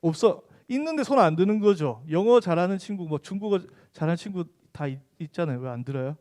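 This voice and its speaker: A man's voice: high voice, lively intonation, fast, a little mellow. A man in his thirties preaching to a youth group with a Korean accent mixing Gyeongsang dialect and Seoul speech, telling funny stories and asking his teen listeners questions. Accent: mixed Gyeongsang and Seoul Korean. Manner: chatty, jokes with and questions the teen audience. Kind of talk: sermon with humorous storytelling.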